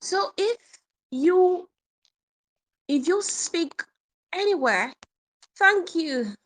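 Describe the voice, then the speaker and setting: A woman teaching an online English communication workshop, animated and repeating points for emphasis. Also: extremely high pitch, drawn-out words.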